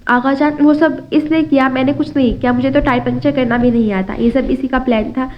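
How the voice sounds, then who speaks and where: A woman's voice: high-pitched, fairly even intonation, slight background noise, lightly acted. A woman voicing a feisty, prankish teenage girl in a storybook reading, with slightly dull lo-fi sound. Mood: defiant. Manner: defiant, quick-tempered.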